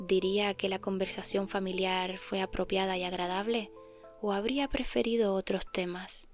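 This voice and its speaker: A woman voicing a mysterious phone caller who asks calm, polite survey questions in a hushed, half-whispered voice. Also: mid-range voice, normal speed, faint music behind, close to an everyday voice. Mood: eerily polite.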